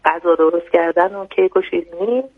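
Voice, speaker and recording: A woman guest, a home cook, giving calm, plain answers in an interview. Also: lowish voice, narrow, tinny audio.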